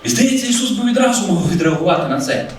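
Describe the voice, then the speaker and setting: High-voiced man preaching a sermon. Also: lively intonation, fast, very echoey, far from the mic, a little hiss or hum, rough recording. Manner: earnest, addresses listeners as friends, acts out quoted voices.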